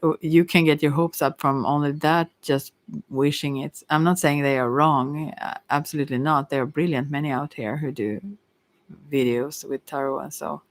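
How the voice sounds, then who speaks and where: Medium in pitch and fairly even in intonation, this voice belongs to a tarot reader offering casual, gently uplifting spiritual advice on an ASMR livestream. She rambles hesitantly at a moderate pace, often trailing off partway through a thought.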